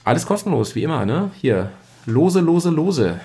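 A man's voice: a little high, very animated, moderate pace, dark tone, husky. A man hosting a casual podcast, rambling with many fillers and self-mocking asides. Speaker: podcast host.

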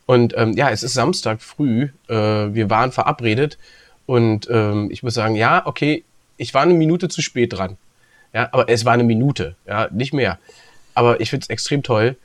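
A man's voice: mid-range voice, moderate pace, dry recording. Teasing man in a dry-sounding room. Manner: teasing and talkative, with dry humor. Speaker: podcast co-host. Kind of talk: casual podcast chat. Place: at home, on a video call. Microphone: own recording device.

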